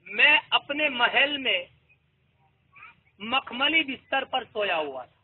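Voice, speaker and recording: Man, very high voice, storytelling sermon, repeats lines for emphasis, thin phone-like sound. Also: slightly rough. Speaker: preacher. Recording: tinny phone-like audio.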